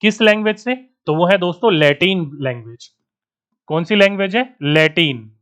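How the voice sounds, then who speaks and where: A male coaching teacher speaks with a faint Bihari accent, and his voice sits high. He lectures to the camera in a steady explaining tone, often posing a question and then answering it himself. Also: normal speed. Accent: Bihari Hindi. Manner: addresses students as friends, asks and answers his own questions. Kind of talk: online exam-prep lecture.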